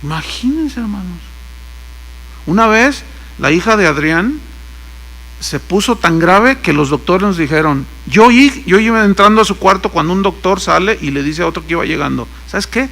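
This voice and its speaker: Man, Mexican accent, pastor preaching, high pitch, gravelly edge, storytelling, faint mains hum. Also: expressive, normal speed, sharp tone. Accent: Mexican Spanish. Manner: storytelling, acts out dialogue, joking asides. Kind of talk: sermon with anecdotes.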